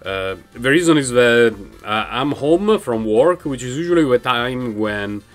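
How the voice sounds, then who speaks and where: Here the couch-bound gaming host sounds expressive and mid-range, speaking at a measured pace over faint music. His English carries a non-native accent as he rambles casually about the game, laughing often into the microphone held up in front of him at home.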